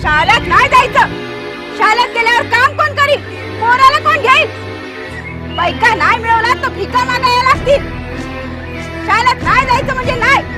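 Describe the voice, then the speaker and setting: A woman's voice: very high-pitched, normal speed, long pauses, music in the background. A woman playing a poor widowed village mother who scolds her children bluntly. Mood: angry. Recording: background film score under voice.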